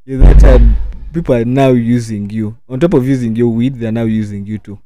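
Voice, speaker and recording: A man's voice: mid-range voice, steady tone, fairly quick, warm tone, no room sound, faint music behind. A young man hosting a casual chat, talking in slangy urban street style with plenty of "man" and "like". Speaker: talk show host.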